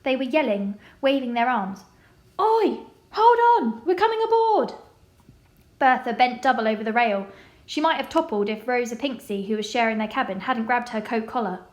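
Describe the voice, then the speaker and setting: A woman reading a children's novel aloud in a measured, expressive way. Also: fairly high pitch, reverberant. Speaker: storybook reader.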